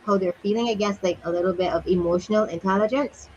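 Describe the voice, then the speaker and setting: A woman's voice: mid-range voice, fast, darkish tone, a little hiss or hum. Earnest, reflective woman host with a mid-range voice, slightly dull lo-fi recording. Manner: earnest, reflective, sharing personal experience. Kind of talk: casual conversation.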